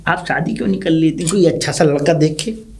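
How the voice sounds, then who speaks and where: A man's voice: a little high, fairly quick, close to an everyday voice. An actor playing a mustached older village man in a comedy sketch, rambling and always misspeaking, then correcting himself. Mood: wheedling. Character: mustached old village man with bicycle, bumbling and sly. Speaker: villager guiding the new teacher. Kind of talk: rural comedy sketch acting.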